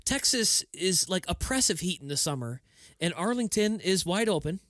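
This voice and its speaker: A man's voice: high-pitched, lively intonation, moderate pace, fairly bright tone, no echo, clean studio sound. Exasperated man griping about baseball. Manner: emphatic, exasperated, many restarts. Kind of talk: casual sports chat.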